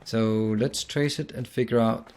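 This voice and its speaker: A man's voice: medium pitch, fairly even intonation, measured pace, darkish tone, a little hiss or hum. A man playing a puzzle game blind, muttering his reasoning aloud and mocking himself. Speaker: gaming video host.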